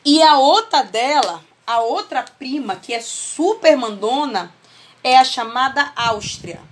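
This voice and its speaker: A woman's voice: high voice, lively intonation, measured pace, a little hiss or hum. A woman with a Brazilian accent teaching a history class over a video call, explaining with homely family comparisons and often checking that students follow.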